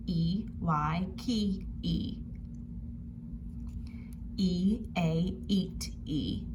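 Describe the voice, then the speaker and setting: A woman teaching a phonics lesson to children, sounding out letters and words in slow, drawn-out drills. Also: fairly low pitch, noisy background.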